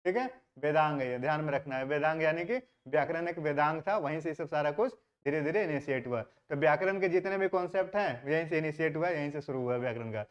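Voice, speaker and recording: Talking fast with few pauses at a fairly high pitch, a male teacher runs an exam-prep history lecture. He fires questions at the class and supplies the answers himself, weaving English words into his speech. The audio is dull and lo-fi.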